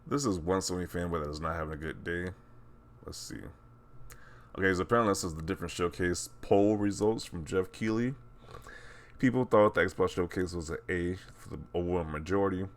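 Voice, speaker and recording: This commentator speaks a little fast in a low-pitched voice with fairly even intonation. Reacting to social media posts as a video host, he's casually mocking and incredulous, often breaking into chuckles.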